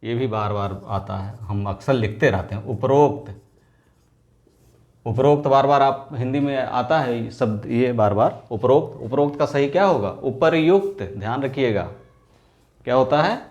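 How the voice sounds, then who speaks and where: A man teaching an exam-prep lesson, repeating each word and firing off quick rhetorical questions in an informal, coaxing way. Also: medium pitch, a little mellow, lo-fi sound. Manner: drills words by repetition, asks quick rhetorical questions.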